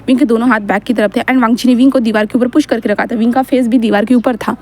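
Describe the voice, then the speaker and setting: A woman's voice: a little high, steady tone, quick pace, a little mellow. A woman narrating a fan story in a casual, rambling way, with many fillers and English words mixed in.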